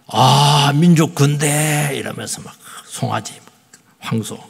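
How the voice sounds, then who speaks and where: Excitable nasal pastor in reverberant church. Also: male voice, mid-range voice, vocal fry, slightly rough. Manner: excitable, rising to loud emphatic bursts. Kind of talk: sermon. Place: church sanctuary. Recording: long church hall reverb.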